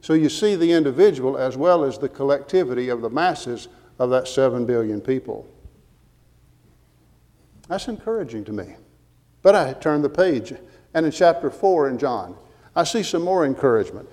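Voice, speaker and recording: Emphatic preacher in a reverberant hall. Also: male voice, medium pitch, animated, moderate pace, pauses often, warm tone. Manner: earnest, emphatic, quotes scripture with references. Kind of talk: sermon.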